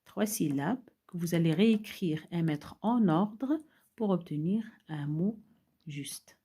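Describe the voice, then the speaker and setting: A woman teacher, giving a recorded reading lesson to young children, slowly and deliberately repeating each instruction and syllable. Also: fairly low pitch, lively intonation, warm tone, breathy edge. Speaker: primary school teacher.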